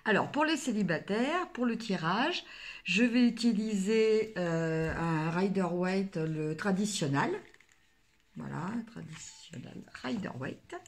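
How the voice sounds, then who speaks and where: A woman's voice: medium pitch, animated, takes it slowly. A woman from France reading tarot cards for her viewers, in a casual, hesitant way, full of fillers and restarts. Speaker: tarot card reader.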